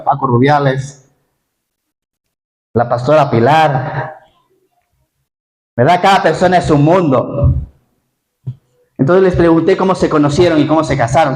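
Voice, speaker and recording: Echoey, higher-voiced preaching pastor. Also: male voice, normal speed, long pauses. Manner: lively preaching, addresses congregation directly with questions. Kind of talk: sermon. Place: church hall; Spain. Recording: echoey church hall.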